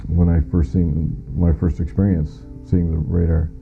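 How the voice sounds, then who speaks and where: Unhurried and gravelly, a low-pitched middle-aged American man gives his witness account with little pitch movement. He formerly worked as an air traffic controller and keeps his interview testimony plain and matter-of-fact. Faint music sits behind the muffled, lo-fi recording.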